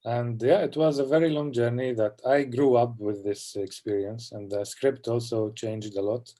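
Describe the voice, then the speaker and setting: A man from Palestine with a warm, dark voice that sits at a middle pitch. He talks over a video call at a festival Q&A, reflective and halting, often adding "you know". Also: steady tone. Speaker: film director. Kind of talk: festival Q&A conversation.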